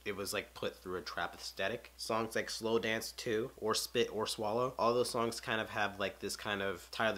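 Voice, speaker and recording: A man's voice: fairly low pitch, bright, forceful tone. A young man giving a casual album review, loose and rambling with lots of filler words.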